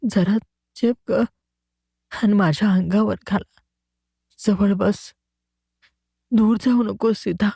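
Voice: mid-range voice, creaky, a little mellow, no room sound, clean studio sound, pitched above the performer's own voice. Narrator voicing a feverish dying laborer. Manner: desperate broken calling out. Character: feverish dying male laborer pleading for his wife.

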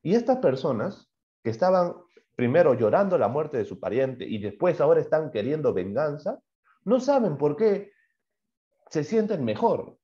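Lively-voiced man teaching online. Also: on the high side. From Peru. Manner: asks questions and answers them himself; acts out short quoted voices in examples. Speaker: primary school science teacher. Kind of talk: online class lecture. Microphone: computer mic on a video call. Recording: dull lo-fi video-call audio.

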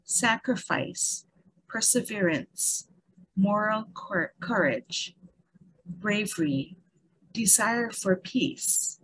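A woman's voice: mid-range voice, lively intonation, drawn-out words, a bit bright, slightly rough, poor audio. A woman presenting at an online meeting, summing up in an earnest, scripted way and listing points one by one.

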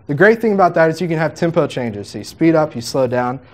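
A man leads a live workshop on music software, talking in an upbeat, jokey way. He explains each step casually and acts out little quoted exchanges to make his point. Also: a little high, lively intonation, quick pace. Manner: upbeat, jokey, chatty teaching with quoted asides.

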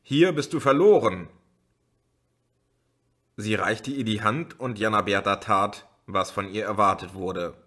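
A man reading a novel aloud as an audiobook in a slow, measured way. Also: mid-range voice, pushed and bright. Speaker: audiobook reader. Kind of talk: audiobook narration.

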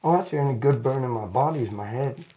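Quick-paced and warm, with a mid-range voice, a man in his 40s or 50s chats in a rambling, casual way as he lies down for a chiropractic treatment. The setting is a small indoor office, and the rough recording carries noticeable background noise and clicks.

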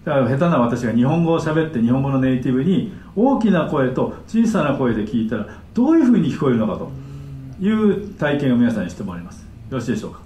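A man giving a live seminar as a counselor, animated and demonstrative, chatting with his audience. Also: medium pitch, fast, slight background noise. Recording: echoey hall, distant mic.

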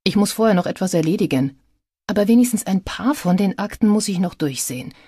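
A woman reading an audiobook, voicing a tired, stubborn female detective who speaks gently. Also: mid-range voice, expressive, fairly quick, slightly rough, no room sound, clean studio sound.

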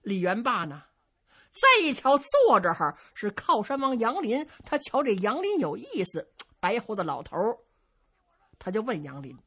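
A woman storyteller with a Beijing accent, telling a traditional tale in a lively, vivid way and switching between character voices. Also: on the high side, normal speed, slightly rough. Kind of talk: traditional Chinese pingshu storytelling.

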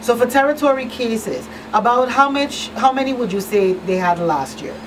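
A middle-aged woman with a fairly high voice, speaking at normal speed, hosts a radio call-in show casually, thinking aloud as she asks her questions. She's in a small radio studio on a boom-arm studio mic, which sounds slightly distant, with faint noise.

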